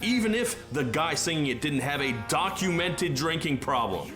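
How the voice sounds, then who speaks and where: A man's voice: fairly high pitch, sing-song, moderate pace. A man giving a scripted music review in a dry, sarcastic way, with music playing underneath. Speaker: music critic.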